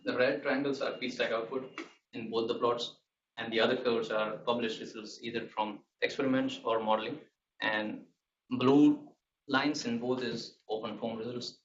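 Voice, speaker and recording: A young man giving a technical thesis presentation, halting and hesitant, often restarting his words. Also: medium pitch, steady tone. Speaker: PhD candidate presenting a thesis defense. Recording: muffled, distant mic with background noise.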